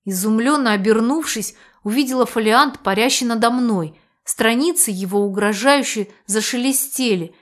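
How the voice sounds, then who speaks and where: Female audiobook narrator, first person, expressive and emotional, slightly high voice. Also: moderate pace, hardly any pauses.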